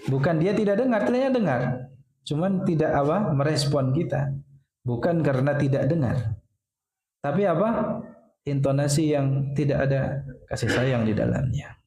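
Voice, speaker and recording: This preacher's voice sits fairly high and warm, moving at a moderate pace with frequent pauses. Addressing a study gathering in an echoey mosque hall, he poses his own questions, answers them, and says "ya" again and again.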